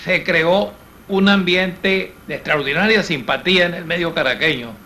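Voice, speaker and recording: A man giving reflective interview testimony in formal, eloquent, halting phrases. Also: high voice, bright, forceful tone, slight background noise. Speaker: documentary interviewee.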